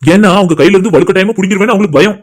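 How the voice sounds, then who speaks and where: Cartoon role: a man doing a smug young groom, high-pitched, teasing, rapid-fire. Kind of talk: cartoon voice acting.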